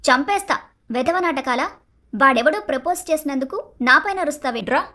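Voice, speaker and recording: Cartoon story: a woman as a blunt, scolding young wife, high voice. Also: expressive, brisk, sharp tone. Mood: indignant. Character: young married woman, sharp-tongued and feisty. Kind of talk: Telugu storybook cartoon dialogue.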